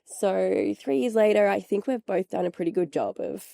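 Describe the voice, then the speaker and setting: A woman co-hosting a podcast, casual and chatty, her voice husky from being sick. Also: mid-range voice, normal speed, dry recording, studio quality. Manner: relaxed, chatty. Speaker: podcast co-host. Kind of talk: casual chat.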